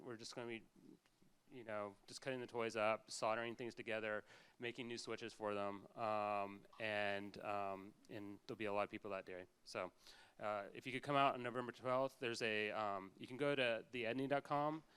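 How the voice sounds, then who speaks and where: A man with a low, very smooth, resonant voice announces an upcoming event to the room. He talks informally, stopping and restarting, with many ums. He sounds like someone making a quick pitch at a meetup. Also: fairly bright tone. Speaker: community event organizer.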